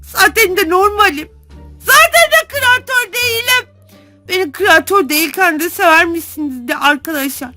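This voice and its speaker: Very high-pitched excitable woman gamer. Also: normal speed, soft background music. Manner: excitable, gushing, exclamatory, talks to viewers as friends. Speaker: gaming channel host. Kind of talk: casual gameplay commentary.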